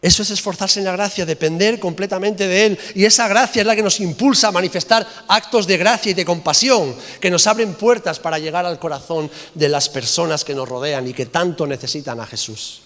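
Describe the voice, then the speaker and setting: A pastor from Spain preaches with fervor, climbing high on key words and then sinking low and quiet for weight. His high voice carries a long reverb from the church hall around him. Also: a little fast, hardly any pauses. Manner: impassioned preaching, rising and dropping to soft emphasis, repeating phrases. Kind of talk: sermon.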